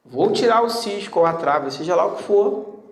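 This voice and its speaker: A man's voice: high voice, animated, normal speed. A man preaching a sermon as pastor, joking and acting out little dialogues. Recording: echoey room.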